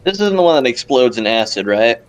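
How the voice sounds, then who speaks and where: A man plays a tabletop game and keeps tossing in joking, teasing remarks. His voice sits at a plain middle pitch. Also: sing-song, brisk. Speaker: player. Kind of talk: casual tabletop game chat.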